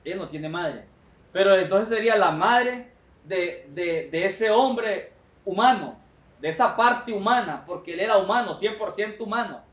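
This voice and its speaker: A male preacher delivering an emphatic, repetitive sermon and often addressing his listeners as brother. His voice sits high, and it rings through an echoey room. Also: lively intonation, a little slow, a bit bright.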